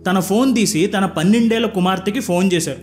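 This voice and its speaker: Guy narrating stories, calm explainer tone, higher voice, faint music. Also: a little fast. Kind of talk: scripted storytelling narration.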